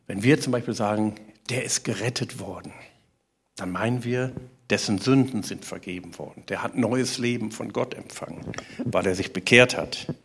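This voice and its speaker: Gravelly man preaching a sermon. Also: mid-range voice. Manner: animated preaching with rhetorical questions to the congregation.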